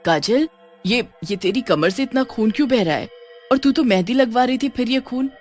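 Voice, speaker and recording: A woman voicing an alarmed middle-aged mother in an animated horror story, frantic and hurried. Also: fairly high pitch, faint music behind, pitched above the performer's own voice, lightly acted. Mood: worried.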